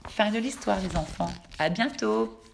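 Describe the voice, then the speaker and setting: Brief: teacher reading a bedtime story, clear and expressive, mid-pitched woman. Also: a little slow, a little hiss or hum. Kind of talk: reading a children's storybook aloud.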